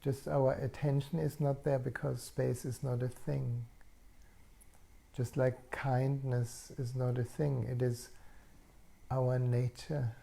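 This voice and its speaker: A man speaking as a spiritual teacher in an unscripted satsang, slow and serene like a guru, with long pauses and a soft, gravelly voice. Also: mid-range voice, level tone. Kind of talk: unscripted satsang talk, answering questions. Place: online video call session.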